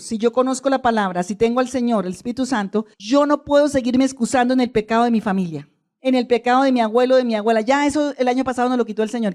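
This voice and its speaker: A woman preaching a sermon, emphatic and slowing down on key phrases, calling the congregation to repeat after her. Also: fairly high pitch, dark tone.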